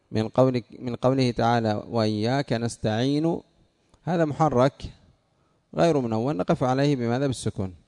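A man's voice: medium pitch, gravelly, dark tone. A man teaching a classroom lesson, explaining rules step by step and quizzing his students with questions. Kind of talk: classroom lesson on Arabic morphology.

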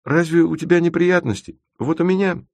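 Guy doing a mopey young student, sighing, higher than his own voice, bitter. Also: brisk, no echo, natural voice. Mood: gloomy. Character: gloomy young male student, self-pitying.

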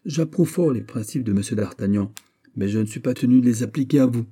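A man voicing a proud, menacing English duke who speaks forcefully and challengingly, in a storybook reading. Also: medium pitch, fairly quick, husky, pitched above the performer's own voice, close to an everyday voice.

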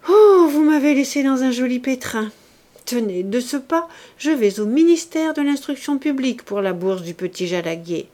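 A woman's voice: high-pitched, animated, normal speed, mellow, pitched above the performer's own voice. A woman voicing a plump, complaining middle-aged lady who reproaches an old friend in a plaintive, wheedling tone.

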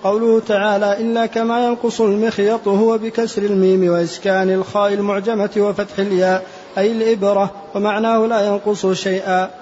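A high-pitched man reads a classical text aloud in a steady recitation, stopping to spell out how each word is voweled. The recording is dull and lo-fi, with a faint hiss behind him. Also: a little fast.

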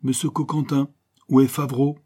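A man voicing a scheming young adventuress who speaks smoothly and turns menacing. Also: mid-range voice, animated, moderate pace, warm tone, pitched above the performer's own voice. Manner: smooth, then harsh and threatening.

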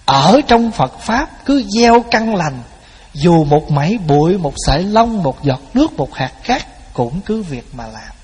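A man's voice: on the high side, big pitch swings, measured pace, a little mellow, breathy edge. A man giving a Buddhist dharma talk, telling stories in a folksy way and addressing his listeners directly. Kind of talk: sermon. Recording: hall with long reverb.

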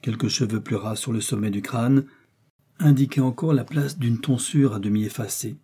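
Dark husky male audiobook narrator. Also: medium pitch. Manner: measured, dramatic storytelling. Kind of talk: scripted narration.

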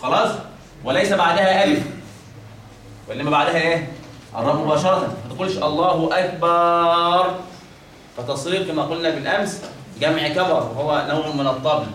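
A man's voice: a little high, fast, a bit bright, slight background noise. A man with an Egyptian accent teaching the pronunciation of the call to prayer. He repeats each sound and checks that his students follow. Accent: Egyptian Arabic. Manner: drills pronunciation, repeats examples, checks with "خلاص؟". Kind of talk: classroom lesson with demonstrations. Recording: echoey room, mic at a distance, faint ambience.

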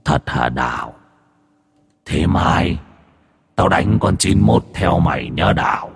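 A man voicing a male ghost who calls out from a tree, through a demonic voice filter, slow and drawn out. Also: low voice, lively intonation, vocal fry, slightly rough, big-room sound, pitched below the performer's own voice, full character voice. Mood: eager.

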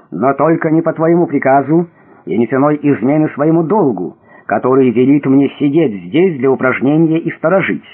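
A man voicing a calm, mysterious male watchman who lectures patiently and a little mockingly. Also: a little high, husky. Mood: calm rebuke. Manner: calm, instructive, slightly mocking. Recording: thin phone-like audio.

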